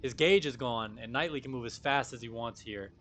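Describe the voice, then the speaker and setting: A young man doing live play-by-play commentary on a match, breaking into excited bursts of surprise. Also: medium pitch, brisk, a little hiss or hum.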